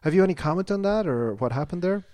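A man's voice: sits high, animated, fast talker, warm tone, no echo. Man playing a polite local radio host, dry sound. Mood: hesitant, concerned. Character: polite, earnest male local interview show host. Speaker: interview host. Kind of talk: mock radio interview.

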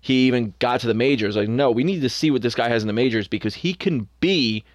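A young man co-hosting a podcast in a casual sports chat, opinionated and animated. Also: medium pitch, dry recording, clean studio sound. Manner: opinionated, animated, quick asides. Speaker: podcast co-host.

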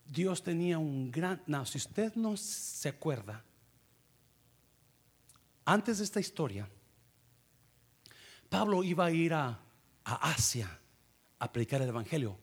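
A man preaching a lively sermon as pastor, acting out scenes, calling out sound effects and laughing. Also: fairly high pitch, slow pace, pauses often, breathy edge. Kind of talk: energetic bilingual sermon. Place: church.

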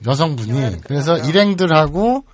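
Husky, animated man hosting casual chat. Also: a little high, normal speed, dry recording. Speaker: podcast host. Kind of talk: casual talk show chat.

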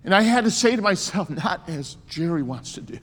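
A man's voice: high-pitched, expressive, a little fast, a bit bright, breathy edge. A man in his sixties preaching a sermon with emphasis and joking asides. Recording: long hall reverb.

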